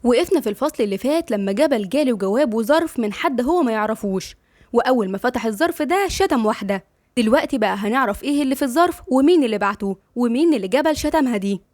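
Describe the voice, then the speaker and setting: A woman's voice: on the high side, animated, very fast, a little mellow, dry recording, clean studio sound. A woman with an Egyptian accent hosting a channel and reading a novel aloud with affectionate, chatty asides. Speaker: audiobook narrator and channel host.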